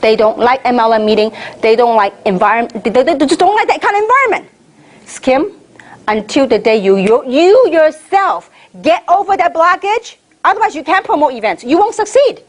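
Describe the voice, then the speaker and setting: In a meeting room with an audience, a network marketing leader from Hong Kong pumps up her trainees with a motivational talk. She has a high voice, speaks fairly quickly, and fires off lots of rhetorical questions with plenty of energy.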